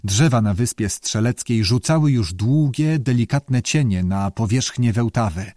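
A man reading a novel aloud in calm, measured audiobook narration. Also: mid-range voice, no room sound, studio quality.

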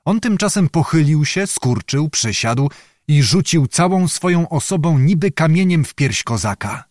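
A man reading a historical novel aloud in measured, dramatic scripted narration. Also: a little high, animated, a little mellow, no echo, studio quality. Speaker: audiobook narrator.

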